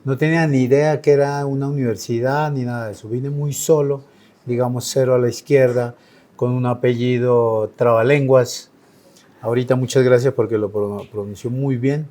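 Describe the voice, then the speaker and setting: A man's voice: medium pitch, fairly even intonation, moderate pace, mellow. A man in his sixties from Colombia, a painter giving an interview, speaking reflectively with frequent hesitations. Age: 60s. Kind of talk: relaxed conversational interview.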